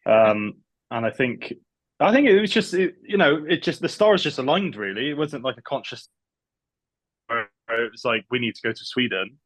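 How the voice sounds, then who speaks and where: A man's voice: mid-range voice, lively intonation, moderate pace, a bit bright, no echo. A man in a band, talking casually over a video call that sometimes cuts out, often repeating words as he starts a sentence. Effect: heard over a video call that cuts out. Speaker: band member. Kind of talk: casual interview chat.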